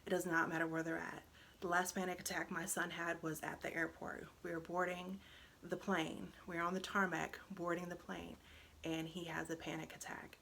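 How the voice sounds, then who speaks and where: A woman, casually sharing parenting advice, earnest and animated when retelling. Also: fairly low pitch, moderate pace, gravelly, a little hiss or hum. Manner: earnest, animated when retelling, drops to a hush when describing the panic. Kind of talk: casual talk to camera.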